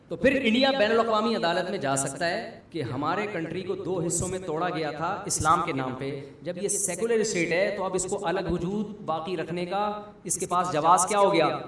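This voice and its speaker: A middle-aged male preacher with a fairly high voice gives a joking, conversational sermon and keeps firing rhetorical questions at his listeners. His voice rings through a very echoey space, picked up from well away from the mic. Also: fairly bright tone, distant mic. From Pakistan. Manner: rhetorical questions to the audience, jokey asides. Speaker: Islamic preacher.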